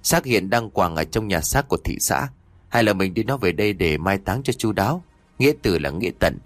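A man voicing a young son who speaks in a calm, placating, reasoning way, in a spoken audio story. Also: low voice, fairly quick, dry recording, voice pushed down.

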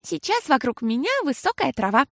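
A woman voicing an excitable, fidgety seven-year-old girl who squeals and whines. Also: high-pitched, moderate pace, creaky, dry recording, clean studio sound, voice pushed up, exaggerated voice. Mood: indignant. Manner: squealing, whiny and breathless.

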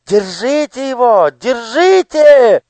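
A man voicing a spoiled, shrill villain's daughter in an audiobook, screeching and hissing. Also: very animated, slow pace, darkish tone, no echo, full character voice. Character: squealing spoiled girl Anidag, villain's daughter.

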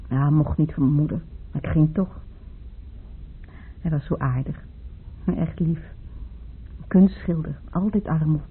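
In a Dutch radio play, a young woman named Maria delivers an intimate monologue in a husky, lowish voice, heavily acted. Grieving, wistful, fragile, tearful and in love, she reminisces haltingly and repeats herself. The recording is muffled and phone-like, like old radio.

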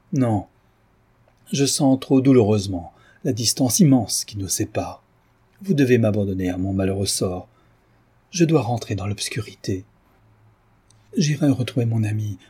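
A man's voice: on the low side, dark tone, slightly rough. Man reading as a tearful young orphan woman. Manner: grieving, self-effacing. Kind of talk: audiobook reading.

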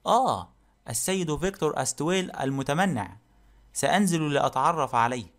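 A man voicing a polite, fastidious male detective who speaks calmly and courteously in an audiobook. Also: fairly high pitch. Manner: calm, courteous and measured. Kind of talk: audiobook character reading.

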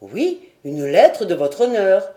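A woman's voice: medium pitch, very animated, slow pace, dark tone, echoey room. A woman doing a bewildered old sailor. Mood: insistent.

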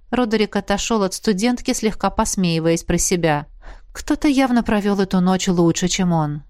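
A woman reads a fantasy novel aloud in steady, even narration. Her voice sits at a middle pitch. The recording is close and dry, with no room around it. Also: clean tone, no room sound. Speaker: audiobook narrator. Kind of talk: scripted narration.

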